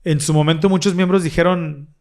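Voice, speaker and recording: A man's voice: a little high, fairly even intonation, fairly quick, a crowd in the background. Earnest man co-hosting a faith podcast. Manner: earnest, explaining with frequent restarts. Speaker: podcast co-host. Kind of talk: casual religious discussion.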